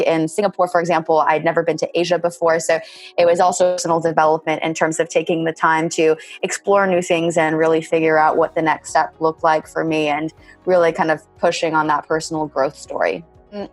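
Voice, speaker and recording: A woman around thirty, from Bulgaria and California, speaks in a low voice that stays level. She gives measured interview answers with a habit of saying "kind of." Faint music plays behind her. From born in Bulgaria, raised in California. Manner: measured, often says "kind of". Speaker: MBA graduate interviewee.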